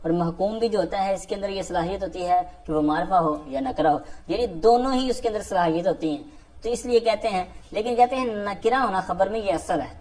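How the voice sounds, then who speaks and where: A woman teacher with a Pakistani Urdu accent patiently explains a classical grammar text, restating each point and pausing on fillers. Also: mid-range voice, dark tone.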